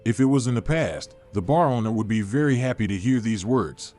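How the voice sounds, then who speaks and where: Even-voiced male story narrator. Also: medium pitch, fairly quick. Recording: faint music behind.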